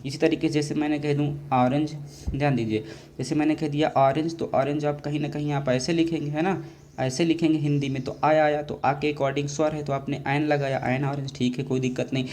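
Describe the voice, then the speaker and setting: A man teaching an exam grammar lesson, constantly asking questions and answering them himself, calling his students dear children and drawing out English words slowly. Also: a little high, little pitch movement, darkish tone, a little hiss or hum.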